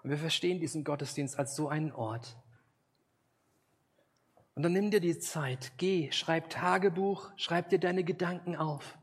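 Earnest, husky-voiced male preacher. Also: a little high, a little slow. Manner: earnest, emphatic, addresses listeners directly. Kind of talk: sermon.

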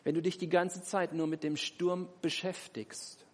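A man's voice: high voice, level tone, unhurried, a little mellow. A man preaching a sermon, driving his points home with emphatic rhetorical questions. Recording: long hall reverb.

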